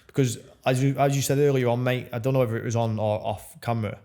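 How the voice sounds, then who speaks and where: A man's voice: medium pitch, fairly even intonation, fast talker, dark tone. A podcast host chats casually with his guest. He talks in a matey, encouraging way and swears freely. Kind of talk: casual interview chat.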